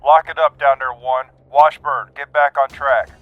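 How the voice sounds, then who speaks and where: A man's voice: mid-range voice, fairly even intonation, measured pace, dry recording, phone-quality sound, faint music behind. An actor playing a male base radio operator directing a tactical team, speaking in clipped military radio talk over a walkie-talkie. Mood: brisk, commanding.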